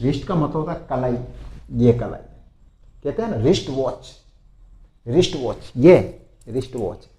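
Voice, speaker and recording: Lively man teaching in an echoey room. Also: a little high. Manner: lively, repeats words for emphasis. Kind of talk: spoken vocabulary lesson.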